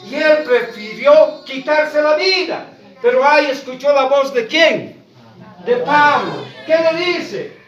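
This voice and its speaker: Bolivian Andean male preacher, bilingual sermon, very high voice, picked up from across the room. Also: animated, slow. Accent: Bolivian Andean Spanish. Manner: call-and-response questions to the congregation; rises to shouts on key points. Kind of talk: bilingual sermon in Spanish and Quechua. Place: church hall. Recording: echoey room, distant mic, dull sound.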